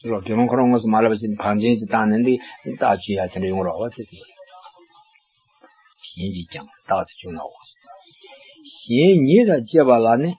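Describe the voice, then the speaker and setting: A man's voice: lowish voice, fairly even intonation, a little fast, slightly rough. An older man giving a religious teaching, explaining at length and checking in with rhetorical questions. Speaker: monastic teacher. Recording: dull lo-fi recording with faint background hiss.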